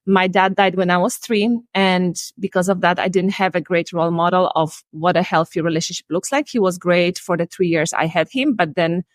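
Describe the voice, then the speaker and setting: A woman in her forties with a Polish accent, originally from Poland, talks candidly about her own life on a video call from indoors at home, working as a life and relationship coach. She is earnest and reflective, with slightly non-native phrasing. Her voice sits on the low side with fairly even intonation, a little fast, with few pauses and a dry recording.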